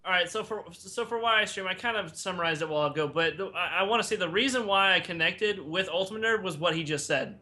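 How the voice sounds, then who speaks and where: A man's voice: high voice, fast, few pauses, pushed and bright. A man who is a guest on a podcast, chatting in a goofy, rambling, self-amused way. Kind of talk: casual podcast chat.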